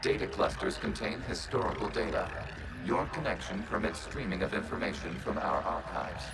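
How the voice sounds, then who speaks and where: A man voicing a calm, emotionless synthetic machine intelligence in a video game, making flat, measured, computer-like announcements. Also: a bass voice, poor audio. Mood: calm, detached. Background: loud game music.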